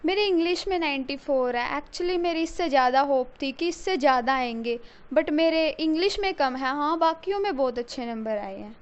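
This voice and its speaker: A woman's voice: sits high, animated, moderate pace, few pauses. A teenage girl, a student guest, giving polite, matter-of-fact answers in an interview. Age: teens. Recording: dull lo-fi sound.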